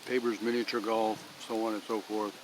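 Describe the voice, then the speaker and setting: A man's voice: lowish voice, flat delivery, moderate pace. Rambling older man outdoors with background noise. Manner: rambling, homey, chatty. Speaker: vlogger. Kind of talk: casual outdoor vlog. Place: outdoor picnic table in a pine grove by a lake. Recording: outdoor phone recording with clear background noise. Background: breeze, traffic and rustling leaves.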